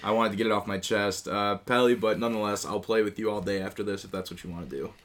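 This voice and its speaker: A man in his early twenties banters with friends in slangy, animated fashion, complaining and swearing plenty. His voice is fairly low and he talks fast.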